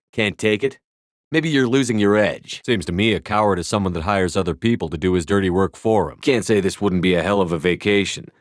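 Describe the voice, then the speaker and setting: A man acts out a hardened male military commander of a starship for a video game. His voice sits on the low side, with a clipped, authoritative way of giving orders and a dry edge to the delivery. The sound is clean and dry, with very little room around it. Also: no echo, close to an everyday voice. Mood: firm, measured.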